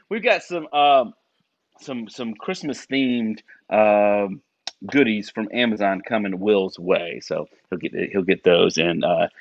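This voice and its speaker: A man's voice: medium pitch, lo-fi sound. Folksy Southern man hosting a podcast. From South Carolina. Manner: folksy, rambling, laughs at own jokes. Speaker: podcast host.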